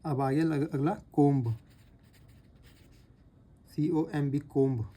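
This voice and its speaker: A man teaching shorthand step by step, patiently repeating sounds slowly as he writes. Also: fairly high pitch, fairly even intonation, dark tone, husky. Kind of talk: explaining step by step while writing.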